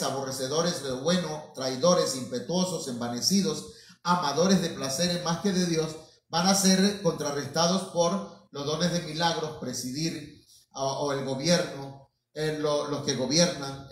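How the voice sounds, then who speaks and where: A man with a fairly high voice preaches a sermon, calling out to his brothers and often repeating a word before he finds the next. He sounds set back from the microphone in a very echoey church hall. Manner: addresses listeners as brothers, repeats and restarts words. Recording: very echoey room, mic at a distance.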